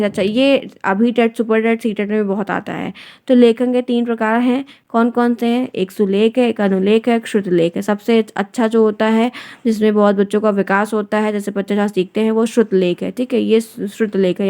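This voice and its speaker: Clear-voiced woman teaching an exam lesson. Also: fairly high pitch, dark tone. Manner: explains step by step with repeated check-ins.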